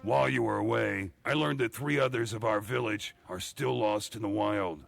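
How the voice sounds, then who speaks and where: A man's voice: lowish voice, moderate pace, gravelly, faint music behind. An actor playing a weary male village leader in hiding in a video game, speaking with grave earnestness. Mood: solemn. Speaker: game character.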